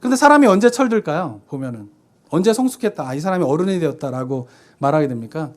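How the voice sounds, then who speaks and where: A pastor in his thirties preaches in a church sanctuary, keeping it conversational and frequently asking rhetorical questions that he then answers. His voice is fairly high, with a fast, sing-song delivery.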